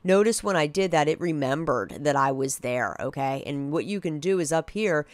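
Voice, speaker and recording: A woman teacher talking students through a software task in a casual, direct classroom manner. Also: deep voice, animated, moderate pace, no room sound. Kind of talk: screen-recorded software tutorial.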